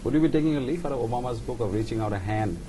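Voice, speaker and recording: A man's voice: mid-range voice, racing, mellow, poor audio. A man working as an interviewer, putting formal political questions to a guest. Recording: faint background noise.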